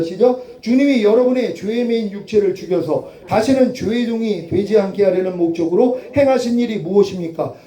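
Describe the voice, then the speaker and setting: A male pastor delivers a forceful sermon, asking rhetorical questions and acting out what the congregation might say. His voice sits high but has a mellow, dark tone. The sound rings around an echoey church hall. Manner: emphatic, rhetorical questions, acts out quoted voices.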